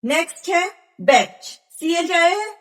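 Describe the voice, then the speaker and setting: A woman's voice: very high-pitched, lively intonation, a little slow, fairly bright tone. A woman teaching a grammar lesson, explaining patiently and spelling out examples one by one.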